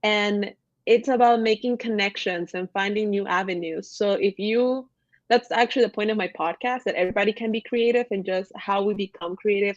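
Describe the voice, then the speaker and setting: A woman's voice: medium pitch, no room sound, highs cut off. A woman from Ecuador, a graphic designer, chatting as a guest on a video call in a talkative, enthusiastic way. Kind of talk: casual video-call chat.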